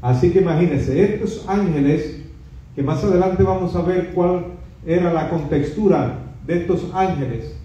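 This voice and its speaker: A man's voice: fairly high pitch, normal speed, warm tone. A man preaching a Bible study sermon emphatically, heard from a distance in a very echoey space. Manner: emphatic, dramatizes scripture quotes. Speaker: pastor teaching a Bible study. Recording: echoey, distant, dull sound.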